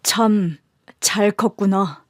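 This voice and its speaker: A woman voicing a calm, powerful man, a long-absent father, who speaks in a measured, slightly lowered voice in a radio drama. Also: dry recording, studio quality. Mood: remorseful.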